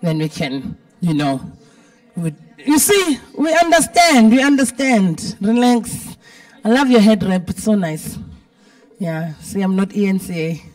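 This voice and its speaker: She's very animated here, though a little slow and a little mellow, her pitch sitting in the middle. The woman, a South African-accented event host with a large, heavy-timbred voice, jokes informally and teases the dinner audience at the venue, captured on a distant mic at a live event.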